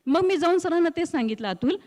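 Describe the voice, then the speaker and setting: A middle-aged woman with a rural Marathwada Marathi accent, telling her story as an interview guest in an expressive way that acts out the voices she quotes. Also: on the high side, fairly quick, long reverb tail. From Marathwada, India. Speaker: guest, news reader and anchor.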